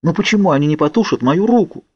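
A man's voice: medium pitch, very fast, a little mellow, no room sound, dull audio, lightly acted. A man reading an audiobook, voicing a young woman in agony who cries out frantically in a raised voice. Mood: panicked.

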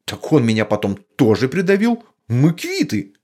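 A man's voice: medium pitch, very animated, moderate pace, dark tone, pitched above the performer's own voice. A man doing a bumbling sheepish dad. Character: bumbling good-natured father, middle-aged man.

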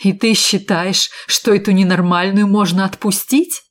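A woman's voice: medium pitch, fairly even intonation, moderate pace, close to an everyday voice. A woman voicing a cruel, mocking male villain who sneers and hisses threats. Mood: sneering. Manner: sneering, hissing.

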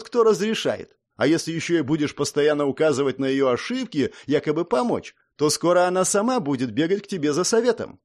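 A man voicing a cheeky young highlander who lectures his friend in a teasing, exclamatory way. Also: darkish tone. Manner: exclamatory, mock-lecturing, drawn-out interjections.

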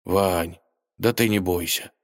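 Male reader as chatty, fretful wolf sidekick, low-ish, hesitant. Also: fairly even intonation. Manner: fretful, rambling, slow.

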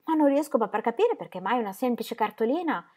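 A woman's voice: fairly high pitch, expressive, quick pace, darkish tone, pitched above the performer's own voice. A woman reading aloud, voicing a naive young wife who questions everything in bewildered earnest. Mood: yielding.

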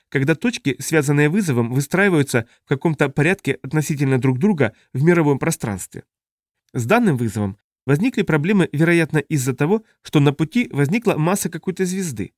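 A man's voice: fairly high pitch, no echo, studio quality, voice pushed up, natural voice. A man reading an audiobook, voicing a dazed male alien who hesitates and searches for words.

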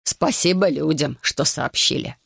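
A man's voice: on the high side, vocal fry, a bit bright, slightly rough, no room sound, studio quality, full character voice. A man playing a frightened pleading father. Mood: desperate pleading. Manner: desperate, pleading, slowed and broken. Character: distraught heavyset businessman, frightened pleading father.

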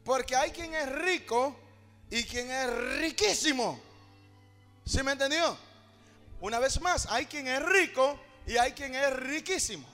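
Fervent high-voiced man preaching. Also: in a large hall. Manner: fervent, calls to the congregation, sings and shouts phrases. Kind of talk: sermon.

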